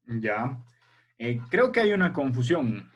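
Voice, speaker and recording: A man's voice: mid-range voice, big pitch swings, slow pace, breathy edge. A man teaching a primary school language class over a video call, explaining patiently step by step and checking that the children follow.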